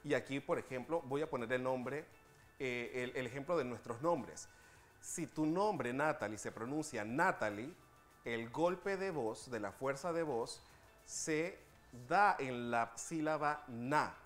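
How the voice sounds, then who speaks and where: A man hosting a TV language segment, patiently explaining spelling rules and slowing down to spell out examples. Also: medium pitch, faint music behind.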